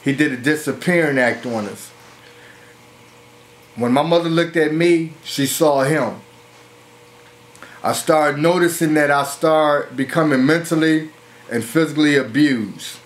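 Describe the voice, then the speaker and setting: A middle-aged man, telling his own life story in a slow, earnest way. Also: fairly high pitch. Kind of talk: personal testimony.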